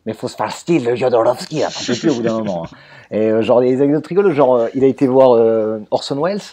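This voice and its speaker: A man's voice: medium pitch, animated, fast talker, mellow. A man co-hosting a casual film-review podcast, talking in a rambling, joking way with lots of restarts. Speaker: podcast co-host.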